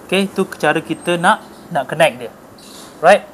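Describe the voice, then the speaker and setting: A man with a Malaysian accent, reviewing motorcycle gear, gives a casual hands-on product demo and mixes English tech terms into his speech. His voice sits fairly high and a bit bright, at a normal speed. The room recording is clearly noisy.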